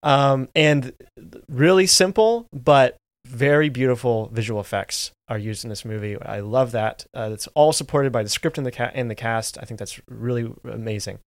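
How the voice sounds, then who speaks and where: A man co-hosts a movie review podcast, talking with enthusiasm and plenty of ums and restarts. His voice is mid-pitched for a man. The recording is dry and close. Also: normal speed, no echo. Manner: enthusiastic, many fillers, restarts. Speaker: podcast co-host. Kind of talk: casual movie review chat.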